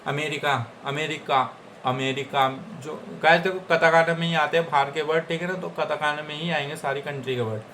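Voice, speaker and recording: A man's voice: fairly high pitch, fairly even intonation, fast, few pauses, sharp tone, a little hiss or hum. Man teaching Japanese words in Hindi. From India. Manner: repeats each word several times, with frequent "theek hai guys". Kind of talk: casual Hindi language lesson.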